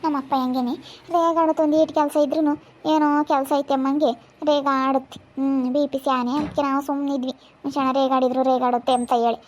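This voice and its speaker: A woman chatting in a family vlog, brisk and reassuring. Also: sits high, flat delivery, dull audio, slight background noise. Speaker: family vlogger. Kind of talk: casual family chat.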